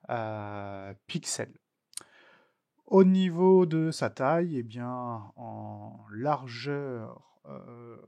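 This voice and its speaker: A man from France giving a screen-recorded software tutorial, talking slowly and hesitantly with many filler sounds as he explains each step. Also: mid-range voice. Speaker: technical instructor.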